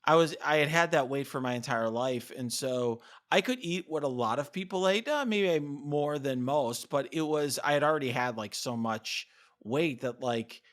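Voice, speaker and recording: A man's voice: medium pitch, moderate pace, fairly bright tone. A man co-hosting a podcast, talking casually with many fillers and restarts, a little out of breath after a workout. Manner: chatty, lots of fillers and restarts. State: slightly out of breath. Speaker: podcast co-host. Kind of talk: casual conversation.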